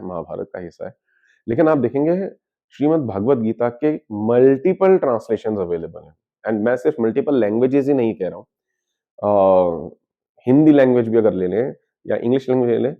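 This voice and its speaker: A man with a mid-range voice, an astrologer, gives an explanatory spiritual talk over narrow, tinny audio. He switches freely between Hindi and English, mixing in English terms, and often poses questions he answers himself.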